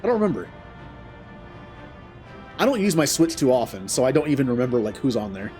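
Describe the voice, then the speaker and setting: Guy streaming a game, casual chatty commentary, normal mid-high voice, bit of music behind. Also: very animated, fast, darkish tone.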